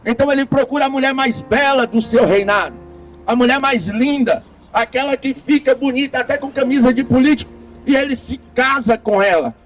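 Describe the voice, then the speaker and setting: A man with a very high voice tells a parable slowly and dramatically. He pauses deliberately between phrases. Soft music plays faintly behind him. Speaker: storyteller. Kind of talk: storytelling a parable.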